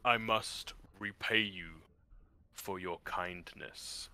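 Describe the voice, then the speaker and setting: Man voicing a deep, slow, rumbling creature spirit. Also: sharp tone, slight background noise, full character voice. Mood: solemn gratitude. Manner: slow, portentous. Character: plant-possessed giant crab, solemn, grateful nature spirit.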